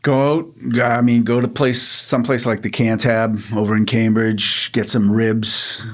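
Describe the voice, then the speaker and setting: A man, a comedian guest telling stories in a rambling, halting, joking way. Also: medium pitch, little pitch movement. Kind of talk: casual interview chat.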